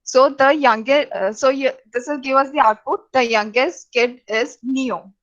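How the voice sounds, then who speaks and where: A woman teaching programming over slides, talking in a halting way with many fillers and restarts. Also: high-pitched, fairly bright tone. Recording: dull lo-fi recording.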